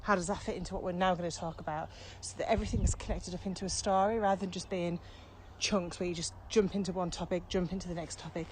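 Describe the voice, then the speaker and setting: While walking outdoors, a middle-aged woman co-hosts a casual explanatory podcast, working through things step by step in an emphatic, conversational way. She is an experienced trainer with a fairly low voice and fairly even intonation, and she talks fast with hardly any pauses. Background noise from the outdoor walk is clearly audible.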